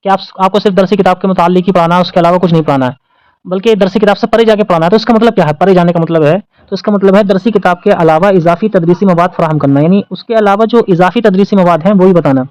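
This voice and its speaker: A man with an Indian Urdu accent talks through exam questions like a patient tutor. He reads out each option again and then answers his own questions. His voice sits high and rings smooth and clear, recorded dry and close with no room sound. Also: a little mellow, dry recording, low-quality recording. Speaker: exam-prep teacher. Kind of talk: explaining test questions.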